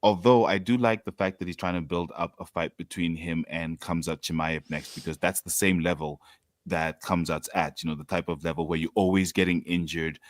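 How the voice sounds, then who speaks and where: Deep-voiced deadpan male co-host. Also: fairly quick, no room sound, studio quality. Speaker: podcast co-host. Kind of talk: casual banter on a live podcast.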